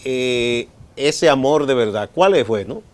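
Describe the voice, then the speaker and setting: Measured Dominican man hosting a talk show. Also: medium pitch, expressive. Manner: measured, explanatory, with frequent "eh" pauses. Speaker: host. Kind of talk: studio talk show discussion.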